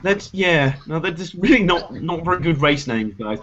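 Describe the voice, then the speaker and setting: A man's voice: a little high, expressive, normal speed, crowd noise. A British man hosting a casual motorsport chat show over a video call, rambling and joking at his own expense. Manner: chatty, rambling, self-mocking jokes. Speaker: show host. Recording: slightly dull lo-fi audio with faint hiss.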